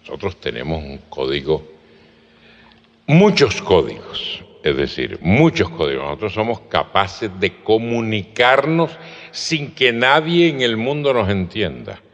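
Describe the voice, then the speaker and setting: A man in his sixties with a Colombian Caribbean coastal accent, telling anecdotes slowly at a cultural gathering and spelling words out. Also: low-pitched. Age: 60s. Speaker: storyteller guest. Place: cultural event venue. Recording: dull lo-fi recording in a reverberant hall.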